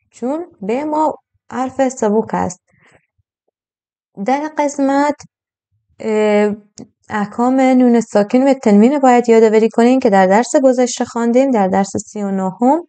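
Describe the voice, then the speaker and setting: A woman, teaching Quran recitation step by step. She explains patiently and draws out the recited verses slowly. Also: a little high, dark tone, clean tone.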